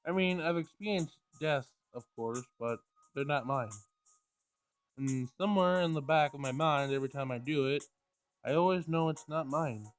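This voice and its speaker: Here a man with a fairly high, clean-toned voice reads aloud from a visual novel as he plays through it at a normal pace. He stumbles at times and rereads certain lines, Let's Play style.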